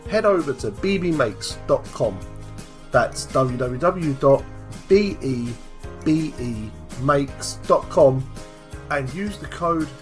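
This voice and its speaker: A man's voice: on the high side, expressive, takes it slowly. A man reading a scripted sponsor announcement for a podcast. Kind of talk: scripted ad read. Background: music behind the voice.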